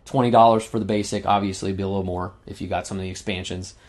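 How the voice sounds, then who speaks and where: A man in relaxed podcast chat, rattling off game facts between "um"s and easy laughs. His voice is a little worn, as if he is losing it. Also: low voice, fast. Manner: enthusiastic, laughs often, lists game facts with fillers. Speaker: podcast co-host reviewing board games. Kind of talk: casual chat.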